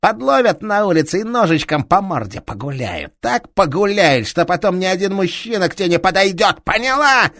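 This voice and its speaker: A man's voice: high voice, sing-song, normal speed, few pauses, a bit bright, no echo, clean studio sound, voice pushed up, exaggerated voice. A man voicing a furious, brutal police detective who bellows threats in an audiobook. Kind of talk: audiobook character reading.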